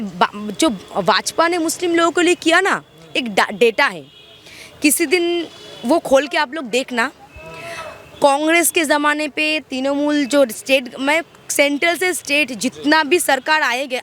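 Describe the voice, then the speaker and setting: Woman from West Bengal, high voice, emphatic street interviewee, faint outdoor noise. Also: a bit bright. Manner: emphatic, repeats and restarts words.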